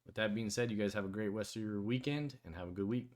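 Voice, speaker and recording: A man's voice: lowish voice, fast. A man hosting a casual online voice chat, talking loosely with many fillers and restarts. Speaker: host of a community AMA.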